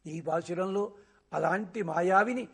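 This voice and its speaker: A man giving a devotional discourse on scripture. He recites verses slowly and asks rhetorical questions that he then answers himself. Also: high voice, vocal fry, husky. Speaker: religious discourse speaker.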